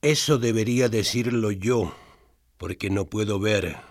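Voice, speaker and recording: A man's voice: lowish voice, unhurried. A man playing an anguished, self-blaming doctor who has gone blind, in an audio drama. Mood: subdued, grave.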